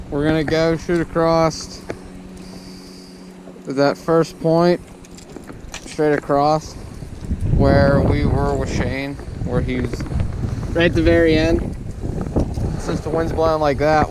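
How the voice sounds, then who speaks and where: A man talking casually as a fishing vlogger, his voice slightly muffled through a face mask, in an informal, folksy way. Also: a little high. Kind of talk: casual fishing vlog talk to camera. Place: outdoors on a boat on a windy lake. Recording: loud wind and boat noise outdoors.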